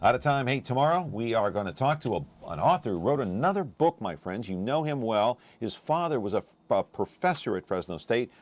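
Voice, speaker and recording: A man hosting a local TV talk show, interviewing guests and reading viewer email questions briskly. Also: medium pitch, very animated. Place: TV studio.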